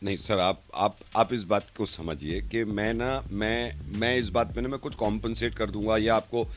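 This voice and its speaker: A man's voice: fairly low pitch, steady tone, moderate pace, a little hiss or hum. A male radio host on a prank phone call, talking in a soothing, apologetic, businesslike way.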